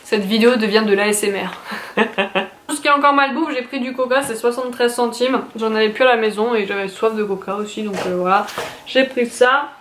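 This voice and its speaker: A young woman talks through her purchases in a loose, rambling way, full of fillers and restarts. Her voice sits a little high. The room sounds echoey, with a faint hiss behind her. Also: brisk, a bit bright. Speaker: beauty and shopping vlogger. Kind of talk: casual haul video chat.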